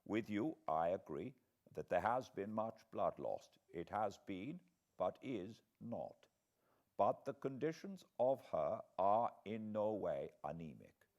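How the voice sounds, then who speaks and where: An older man with a fairly low, darkish voice performs an audiobook character: an elderly, courtly foreign professor who is kindly, grave and wise. He speaks slowly and deliberately in halting, broken English.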